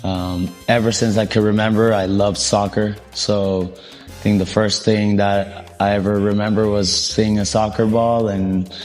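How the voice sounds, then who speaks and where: A young man born in Colombia, a soccer coach, telling his life story in a casual interview, relaxed and rambling with frequent ums. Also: on the low side, unhurried, soft background music.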